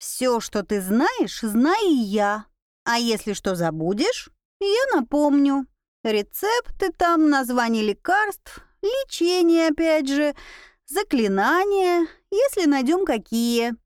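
A woman voicing a small male bat familiar who talks in a high, slow, drawn-out, lecturing way, as in a read-aloud storybook. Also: big pitch swings, no room sound, clean studio sound, heavily acted. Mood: explaining.

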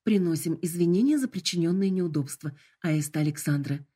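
A woman's voice: fairly low pitch, a little fast, dark tone, slightly rough. A woman voicing a sickly sweet, politely formal female hologram assistant.

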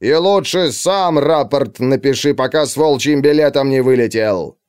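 A man's voice: mid-range voice, moderate pace, a little mellow, clear, resonant tone, no room sound, clean studio sound, close to an everyday voice. A man voicing a domineering, irritated police colonel in an audiobook reading. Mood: condescending. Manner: irritated, condescending. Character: domineering middle-aged male police colonel.

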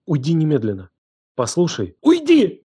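A man voicing a distraught young woman who raised the man she now accuses, her voice trembling, shouting and hissing. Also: mid-range voice, expressive, moderate pace, slightly rough, no echo, clean studio sound. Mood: furious. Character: distraught furious young woman, betrayed guardian.

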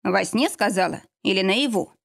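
A woman's voice: mid-range voice, normal speed, gravelly. A woman reading the lines of a cheerful, teasing young husband in an audiobook, in a playful, matter-of-fact way.

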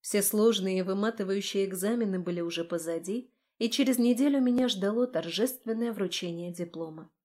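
A woman narrating a fantasy novel in the first person, with a lively, expressive reading. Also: medium pitch, a little fast, few pauses. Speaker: audiobook narrator.

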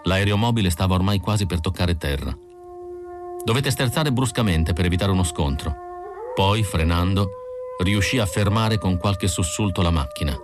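A man narrating an audiobook in a measured, steady reading. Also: low voice, music in the background. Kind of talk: scripted narration.

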